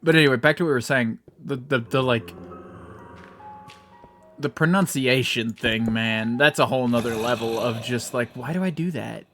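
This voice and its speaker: A man's voice: medium pitch, moderate pace, a bit bright, faint music behind. Rambling American guy streaming a game. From United States. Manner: rambling, self-mocking, swears casually. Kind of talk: casual gameplay commentary.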